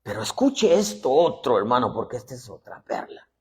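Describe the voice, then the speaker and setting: A man preaching a sermon, animated, swinging between loud exclamations and hushed whispers, often calling out to his listeners as brothers. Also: medium pitch, moderate pace, breathy edge. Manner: addresses listeners as "hermano". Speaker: apostle preaching.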